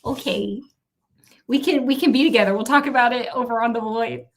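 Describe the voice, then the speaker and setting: A woman's voice: on the high side, fairly quick. A young woman hosting a casual reading livestream, chatting with viewers and trash-talking playfully. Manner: chatty, playful trash talk, frequent laughs. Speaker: streamer hosting a reading sprint.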